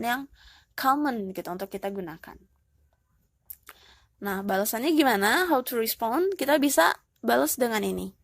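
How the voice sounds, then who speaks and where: A woman teaching English in a relaxed, casual way, explaining step by step and dropping in English phrases. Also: fairly high pitch, gravelly, dry recording.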